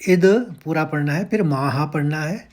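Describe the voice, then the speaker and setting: A man teaching how to recite verses, patiently breaking words into syllables and chanting each line slowly and drawn out. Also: on the high side. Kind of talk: step-by-step chant lesson.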